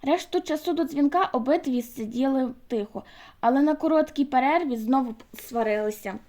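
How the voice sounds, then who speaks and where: A woman reading a children's book aloud, expressive and lightly voicing the characters. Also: high voice, moderate pace. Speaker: audiobook reader.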